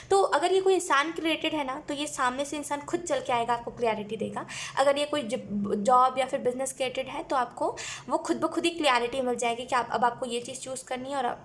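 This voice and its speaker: A woman's voice: high-pitched, slight background noise. A woman giving a casual tarot reading, chatty and laughing often, mixing English phrases into her talk. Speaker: tarot reader.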